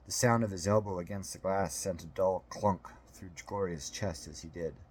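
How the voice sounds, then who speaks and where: A man narrating an audiobook in a steady, measured storytelling manner. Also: low voice, husky.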